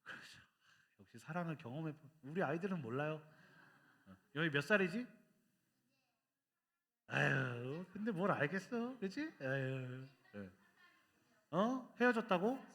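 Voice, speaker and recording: A man preaching at a children's worship service, telling a funny story with lively energy and quizzing the kids with questions as he goes. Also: on the high side, a little slow, pauses often.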